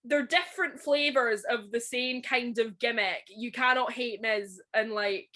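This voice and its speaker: A Scottish woman talking in a relaxed, chatty way, peppering her speech with swearing and "like". Her voice sits fairly high with a bright, forceful edge. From Scotland. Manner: swears freely, quick emphatic asides with many "like" fillers. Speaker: podcast co-host. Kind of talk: casual chat.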